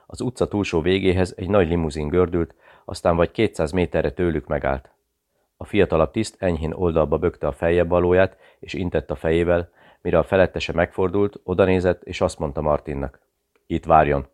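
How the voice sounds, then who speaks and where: Very deep-voiced male audiobook narrator. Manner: steady, measured reading.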